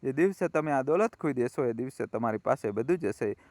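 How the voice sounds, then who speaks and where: A man narrating a family story in a heartfelt, preaching manner, turning often to his listeners as friends. His voice sits at an ordinary pitch for a man. The recording is dry and close, with no room sound. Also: lively intonation, brisk, a little mellow, dry recording.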